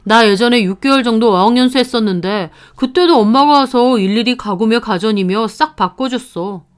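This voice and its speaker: A woman voicing a touchy, quick-tempered young fiancé who turns defensive and shouts. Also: a little high, clear, resonant tone, natural voice.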